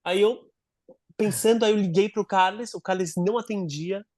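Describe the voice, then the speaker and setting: A man telling a personal story in a casual podcast conversation. He is animated, and he often restarts and repeats words as he goes. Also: high-pitched, moderate pace, no echo, studio quality. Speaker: podcast guest, adoptive father.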